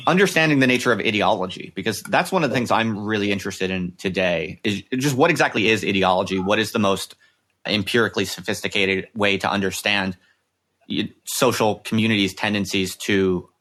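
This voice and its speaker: His voice sits low and comes across a bit bright. He's a podcast host conducting a conversational interview, earnestly posing lengthy, wordy, reflective questions.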